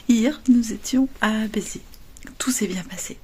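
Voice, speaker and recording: Middle-aged woman, higher-pitched, chatty home vlogger keeping her voice down, faint room hiss behind. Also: a little slow. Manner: hushed half-whisper, chatty. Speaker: knitting vlogger. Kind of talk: casual chat. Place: home, early morning.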